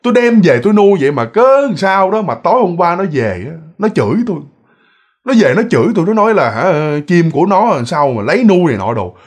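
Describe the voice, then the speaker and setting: A man's voice: high-pitched, sing-song, fast talker, husky, heavily acted. A man voicing a fretful, frightened middle-aged village uncle, complaining in a rambling, breathless rush. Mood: agitated.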